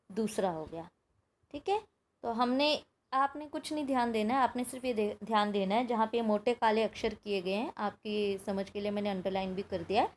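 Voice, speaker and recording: A woman teaching a grammar lesson to students, slowly repeating terms and asking and answering her own questions. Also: fairly high pitch. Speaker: Hindi teacher. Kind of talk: explaining a grammar exercise to students.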